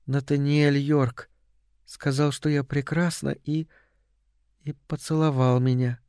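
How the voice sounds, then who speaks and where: A gentle, dreamy young Martian wife, put on by a male narrator. Her lines come quiet and light, lifted a little above his own voice. She speaks softly and a little vaguely. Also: fairly high pitch, flat delivery, measured pace, smooth, no room sound.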